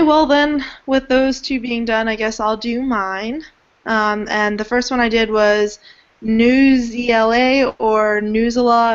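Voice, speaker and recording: A woman's voice: medium pitch, a bit bright, smooth, highs cut off. A young woman leading an online group discussion, talking hesitantly with many fillers, over a video call. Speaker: education student leading a group hangout.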